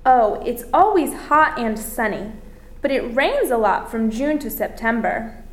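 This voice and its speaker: An American woman presenting a scripted language-lesson dialogue, speaking carefully and clearly for learners. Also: a little high, big pitch swings, reverberant. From Florida, United States. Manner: slow, carefully articulated, as if for learners.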